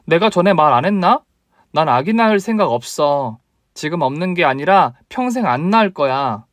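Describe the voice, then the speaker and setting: A man's voice: fairly high pitch, lively intonation, moderate pace, no room sound, natural voice. A man voicing a selfish, demanding young wife who whines and accuses in a story radio drama. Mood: dismissive. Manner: whiny, accusing, nagging.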